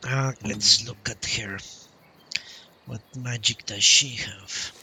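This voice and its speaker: Reading menus on a game stream, a man mutters and thinks out loud in a casual way. His mid-range voice moves slowly with fairly even intonation, sounding pushed and bright. Video game music is clearly audible behind him.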